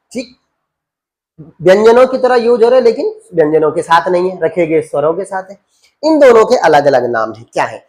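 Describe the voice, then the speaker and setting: A man teaches a grammar lesson in a patient, drilling way. He keeps asking his students questions and answering them himself, and repeats each key term again and again. He calls them "beta". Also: sits high. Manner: addresses students as beta and babu.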